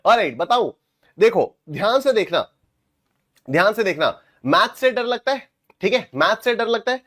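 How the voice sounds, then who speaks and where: A young man teaching a live online class, energetic and playful, teasing students and mixing in English phrases. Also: sits high, normal speed. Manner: mixes Hindi and English.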